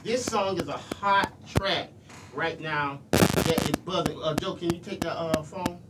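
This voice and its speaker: A middle-aged radio host talks unhurriedly in a voice on the high side, earnest and colloquial, often saying things twice. He runs a casual live show with shout-outs from a small indoor studio. His voice reaches a distant room microphone, which leaves the recording noisy.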